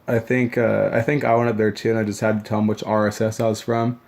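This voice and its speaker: Gravelly young man casually rambling. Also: fairly low pitch, flat delivery, fast talker, darkish tone. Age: young adult. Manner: rambling, loose, many fillers and restarts. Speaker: new Marine recalling boot camp. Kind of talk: casual storytelling vlog.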